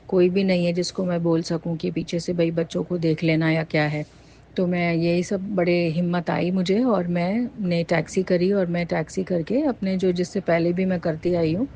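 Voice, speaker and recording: A woman earnestly retelling a personal devotional experience in a casual, animated way, with frequent fillers. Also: fairly low pitch. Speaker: devotee sharing a testimony.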